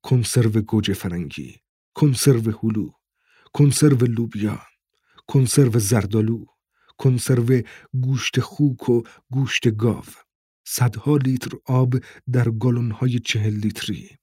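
A man narrates a novel in a steady, measured reading voice. His tone is husky and mid-pitched. The recording is dry and close, with no room sound. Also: dry recording. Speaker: audiobook narrator. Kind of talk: scripted narration.

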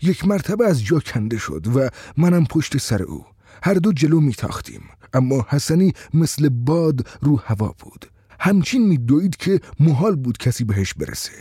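A man reading a first-person story in a steady, conversational storytelling way. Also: a little high, husky, no echo, clean studio sound.

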